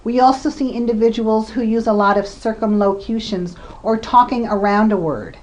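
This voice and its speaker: A woman's voice: a little high, normal speed, a little mellow. A woman researcher giving a lecture, explaining points and giving examples, with occasional fillers. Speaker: researcher lecturing on communication disorders. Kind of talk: recorded lecture presentation.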